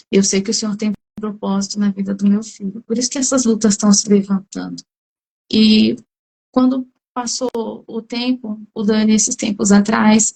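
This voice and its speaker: A woman's voice: medium pitch, gravelly, darkish tone, poor audio. A middle-aged Brazilian woman giving a church testimony, telling the story and acting out her own cries in the quoted lines. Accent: Brazilian Portuguese. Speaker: speaker at a women's church meeting. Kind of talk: testimony sermon.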